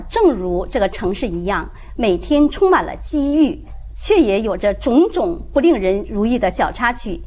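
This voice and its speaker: Female presenter, native Mandarin, fairly high voice, hosting an interview programme. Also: darkish tone. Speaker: TV programme host.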